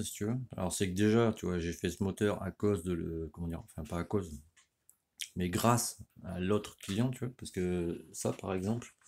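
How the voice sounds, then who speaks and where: A man's voice: low-pitched, vocal fry, warm tone. A middle-aged man talking casually while he works on an engine in his workshop, rambling and slangy, tagging nearly every phrase with a "you see". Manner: rambling and slangy, saying "tu vois" constantly. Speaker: motorcycle mechanic. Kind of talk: casual workshop how-to talk. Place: home workshop or garage.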